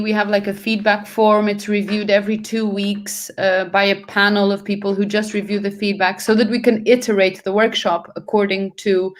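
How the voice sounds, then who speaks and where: A Portuguese woman who isn't a native English speaker answers earnestly as a panel guest. Her voice is medium in pitch, and she often restarts and corrects herself partway through sentences.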